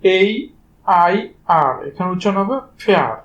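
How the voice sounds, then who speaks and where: A man with a Bangladeshi Bengali accent gives a spelling-based English pronunciation lesson in a high-pitched, unhurried voice, captured on a muffled recording. He spells each word letter by letter before saying it and talks to his students directly and informally.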